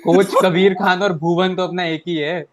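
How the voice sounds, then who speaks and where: A young man in a casual podcast, teasing his friends with quick jokes. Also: high-pitched, fairly even intonation, a loud crowd. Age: young adult. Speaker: podcast co-founder.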